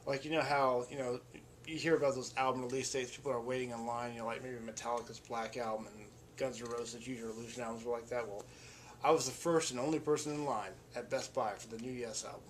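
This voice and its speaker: A man's voice: mid-range voice, fairly even intonation, quick pace, slight background noise. A man in a mid-range voice tells a casual story with rambling enthusiasm and frequent restarts. He sounds like a vlogger talking straight to the camera. A faint wash of ambience sits behind him. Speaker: vlogger and musician.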